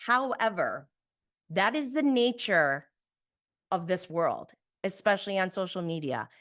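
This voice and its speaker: A woman's voice: on the low side, animated, unhurried, a bit bright. A woman giving a casual, conversational recap of reality TV as a host, opinionated and emphatic in how she makes her points. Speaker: podcast host.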